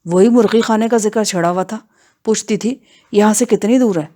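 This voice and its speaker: A woman's voice: mid-range voice, dark tone, natural voice. A woman voicing a simple male village servant who speaks in a plain, rustic way.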